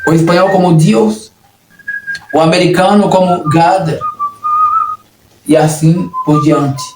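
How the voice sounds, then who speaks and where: A man's voice: high-pitched, steady tone, takes it slowly. A Brazilian man preaching a sermon in an earnest, repetitive way, often restarting his phrases. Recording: echoey room, distant mic, noisy.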